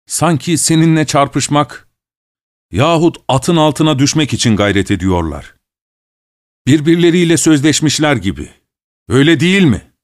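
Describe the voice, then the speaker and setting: A scornful officer, voiced by a male narrator, whose low voice drips with mockery. Every line comes out sarcastic and dismissive. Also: sing-song, moderate pace, no echo, studio quality. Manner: mocking, sarcastic. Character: sneering officer passenger, man, scornful.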